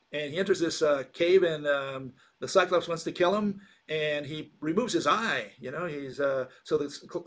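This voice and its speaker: A man's voice: fairly high pitch, a bit bright. A man hosting a sardonic monologue, rambling and mocking, with many hesitations and restarts. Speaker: channel host.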